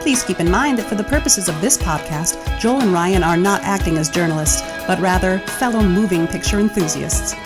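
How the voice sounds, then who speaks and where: A woman reading a scripted show introduction in a measured, formal way. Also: fairly low pitch. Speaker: show announcer. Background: music.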